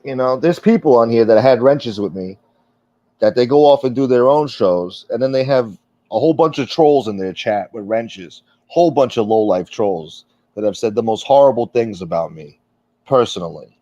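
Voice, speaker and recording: Speaking at a moderate pace in a mellow, expressive, medium-pitched voice, a middle-aged livestream host chats casually and reads viewer comments. He is rambling and candid, with frequent fillers and swearing. The recording is dry, and the stream audio is dull and lo-fi.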